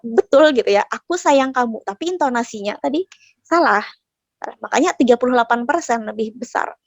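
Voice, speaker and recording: Young woman giving a chatty talk, lots of fillers, kinda gravelly, dry sound. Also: mid-range voice, no room sound. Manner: conversational, many fillers and tag words. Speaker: speaker at a study session. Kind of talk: informal talk on marriage communication.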